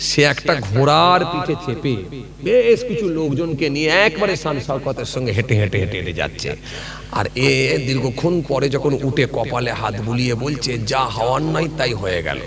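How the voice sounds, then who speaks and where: A man's voice: medium pitch, big pitch swings, normal speed. A man telling a folk story in a sermon at an outdoor gathering, often asking the crowd whether they follow. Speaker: preacher. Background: crowd noise.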